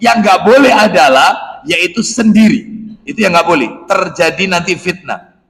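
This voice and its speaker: A man preaching a religious lesson in a mosque, lively and stern, acting out little dialogues. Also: sits high, moderate pace, gravelly. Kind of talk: religious study sermon. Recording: echoey mosque hall.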